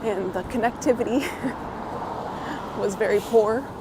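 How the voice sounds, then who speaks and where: Walking along a windy city street, a woman live-streams casual chat with viewers through a clip-on mic on her coat, greeting them by name and laughing often. She's slightly hoarse as she gets over a cold, and her mid-range voice is a little slow. Traffic and wind are audible throughout.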